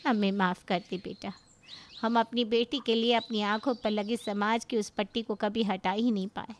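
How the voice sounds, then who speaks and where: A woman's voice: mid-range voice, steady tone, moderate pace, a little hiss or hum, lightly acted. A woman voicing a traditional middle-aged mother in a cartoon story. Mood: remorseful.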